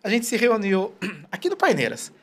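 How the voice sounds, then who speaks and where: Lively, animated man telling stories. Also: high-pitched, moderate pace, slightly rough. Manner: animated, storytelling, quotes people in put-on voices. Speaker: guest. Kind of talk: casual interview conversation.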